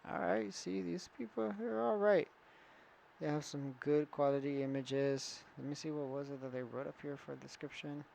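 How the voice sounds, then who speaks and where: A man's voice: on the high side, moderate pace, vocal fry, a little mellow, a little hiss or hum, low-quality recording. A man walking through an online store setup in a casual screen-recorded tutorial, thinking aloud with fillers and restarts. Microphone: computer setup with screen recorder and camera.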